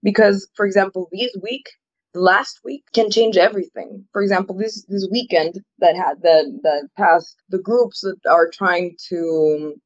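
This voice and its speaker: An earnest woman gives her opinions in an interview, often backing up to restart a phrase. Her voice sits at an ordinary pitch. The sound is a little dull and very dry, with no room around it. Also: steady tone, measured pace, no echo. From Ecuador. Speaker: political campaigner guest. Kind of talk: interview answers.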